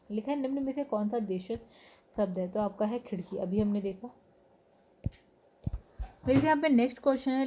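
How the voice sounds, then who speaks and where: A woman's voice: medium pitch, slight background noise. A woman teacher going through exam questions one by one, reading out long word lists and explaining each answer. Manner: explains answers in a steady listing way, with fillers.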